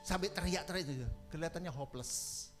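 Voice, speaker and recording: A man's voice: quick pace, over music. A man preaching a sermon with an Indonesian accent, telling stories animatedly and acting out quoted lines. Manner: animated storytelling, acting out quotes at a loud high pitch. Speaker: pastor.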